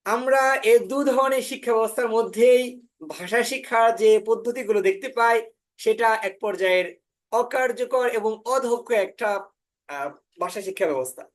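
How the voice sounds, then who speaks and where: Woman teacher. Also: a little high. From Bangladesh. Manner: often says "inshallah", pauses with "ah" fillers; demonstrates pronunciations by repeating words slowly. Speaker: spoken English teacher. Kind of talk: online orientation lecture.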